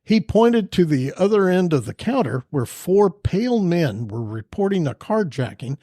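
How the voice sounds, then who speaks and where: Male podcast host, animated storyteller, slightly high voice, dry close mic. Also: normal speed, dry recording. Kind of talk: casual joke-telling chat.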